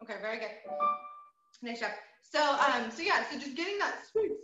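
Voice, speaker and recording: A woman's voice: high-pitched, lively intonation, normal speed, over music. A woman voice teacher giving a group singing lesson, encouraging and patient, with frequent ums and sung demonstrations. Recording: roomy, slightly dull audio.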